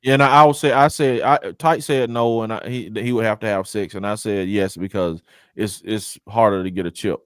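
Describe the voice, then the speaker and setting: A man's voice: on the low side, fairly even intonation, brisk, smooth, dry recording. Informal man, dry-sounding sports talk. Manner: informal, conversational. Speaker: sports show co-host. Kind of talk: casual sports debate chat.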